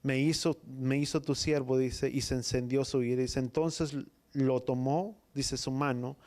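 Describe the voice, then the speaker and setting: A man preaching a sermon, reading scripture in halting phrases and repeating "dice" between them. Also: mid-range voice, fairly even intonation, darkish tone. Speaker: pastor.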